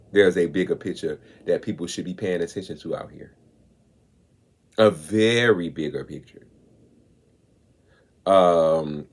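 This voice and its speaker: A man hosting a commentary show, talking with emphasis and slowing down to stress his points. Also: sits low. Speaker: host. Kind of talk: commentary on clips.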